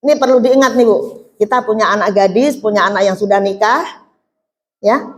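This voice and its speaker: A woman's voice: mid-range voice, normal speed. A middle-aged woman giving a religious talk to a group of women, telling stories with acted-out dialogue and asking her listeners questions. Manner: lively storytelling, acting out dialogue, asking the audience questions. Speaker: preacher.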